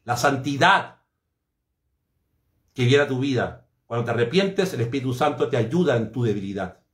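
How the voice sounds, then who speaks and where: A man's voice: mid-range voice, animated, normal speed, reverberant. A man preaching a sermon fervently and emphatically, repeating phrases for effect.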